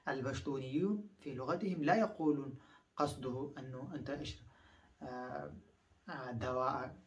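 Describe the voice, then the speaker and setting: Man teaching phrases from a distance. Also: a little high. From Afghanistan. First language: Pashto. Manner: repeats each phrase slowly, explains with frequent hesitant fillers. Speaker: language teacher. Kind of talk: phrase-by-phrase language lesson.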